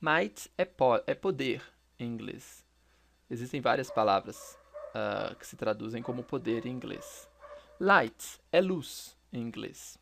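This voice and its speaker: Slow, gravelly teacher. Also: male voice, medium pitch, animated, a bit bright, a little hiss or hum. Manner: slow and deliberate, repeating example phrases. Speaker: English teacher. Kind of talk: recorded language lesson.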